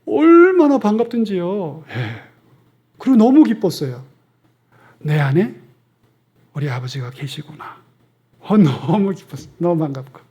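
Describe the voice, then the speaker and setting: A middle-aged male pastor preaching a sermon in a church, often asking the congregation questions and dropping to soft near-whispers for tender lines. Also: high-pitched, sing-song, a little slow, pauses often, husky. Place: church sanctuary.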